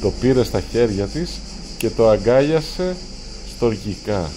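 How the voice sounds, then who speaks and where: A man reading a children's storybook aloud, lively and acting out the characters' lines. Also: fairly low pitch, slight background noise. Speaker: storybook reader.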